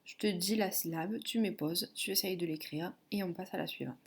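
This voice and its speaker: A woman teacher giving a phonics and spelling lesson to a child, dictating syllables slowly and clearly. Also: on the low side. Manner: slow, clearly articulated dictation.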